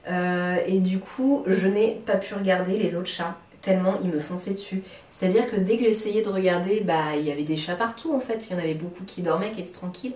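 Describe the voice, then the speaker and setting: A woman's voice: fairly low pitch, a little fast, a little mellow. A woman from France chatting casually to camera about her houseplants, hesitant, with many fillers and restarts, recorded at home in her living room. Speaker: plant vlogger. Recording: roomy, from a distance.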